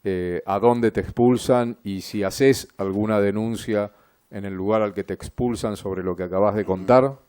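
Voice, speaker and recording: A man with an Argentine accent, a lawyer questioning a witness in court in a measured, formal way. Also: on the low side, steady tone, warm tone, clear, resonant tone. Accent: Argentine Spanish.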